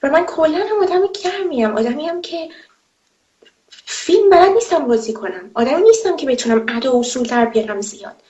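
A woman's voice: high voice, animated, a little mellow. A woman, a former TV presenter, giving a personal testimony in an emphatic, indignant way with rhetorical questions. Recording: roomy, slightly dull audio.

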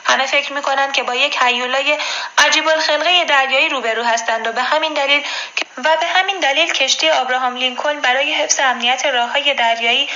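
A woman's voice: high-pitched, fairly even intonation, bright, forceful tone, muffled recording. Woman doing a polite, friendly male professor. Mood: conciliatory. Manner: friendly, conciliatory.

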